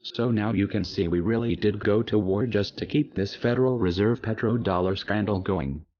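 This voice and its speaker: An anonymous man narrating a scripted message in a disguised, pitched-down deep voice, with a grave, declaring tone, on a dull lo-fi recording. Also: normal speed. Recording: dull lo-fi audio.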